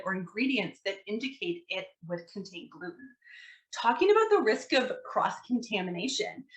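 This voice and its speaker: A woman dietitian giving a relaxed online presentation to teachers, conversational with lots of fillers and a dry sarcastic streak. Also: medium pitch, low-quality recording.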